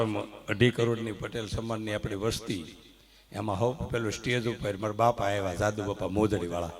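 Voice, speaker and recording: Middle-aged man, live stage comedy, storytelling with punchlines, stage microphone. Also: fairly low pitch. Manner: storytelling with punchlines, leading audience applause. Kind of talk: live folk comedy monologue. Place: temple event stage with live audience.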